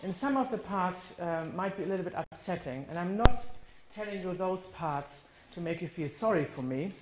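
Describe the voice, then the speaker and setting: In a very noisy recording with roomy church hall acoustics, a northern German woman speaks with a German accent as a guest speaker. Her voice is lowish with lively intonation at a moderate pace, and her personal testimony about her life is candid and reflective, with occasional self-corrections.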